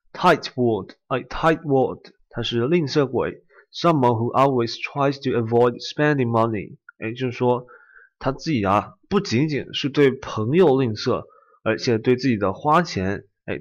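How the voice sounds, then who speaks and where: Lo-fi Chinese-speaking male vocab teacher. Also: mid-range voice. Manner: repeats each word, starts lines with a filler "ai". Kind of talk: vocabulary lecture. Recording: dull lo-fi recording.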